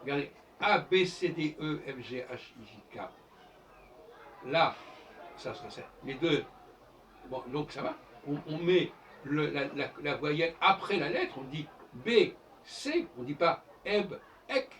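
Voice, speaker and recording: A man's voice: on the high side, animated, slow, fairly bright tone. A man giving an informal lecture as host of his own channel, explaining in a professorial way and spelling out examples letter by letter. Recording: distant mic with faint background noise.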